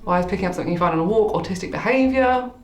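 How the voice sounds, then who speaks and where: Female vlogger, sarcastic comment reading, playful and dry, roomy sound with soft music underneath. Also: mid-range voice, racing. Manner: playful, self-deprecating. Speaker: video creator. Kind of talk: casual vlog, reading out comments and reacting. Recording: roomy echo, faint music behind. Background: faint music.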